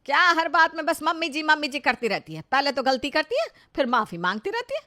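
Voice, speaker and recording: A woman's voice: fairly high pitch, animated, moderate pace, a bit bright. A woman voicing a domineering middle-aged mother-in-law who scolds and gives orders. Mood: scolding. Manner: scolding, bossy.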